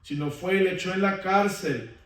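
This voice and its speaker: A man's voice: high-pitched, normal speed, fairly bright tone. A male pastor preaching a sermon in a church, asking the congregation questions for them to answer back. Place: church sanctuary. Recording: echoey church from far off.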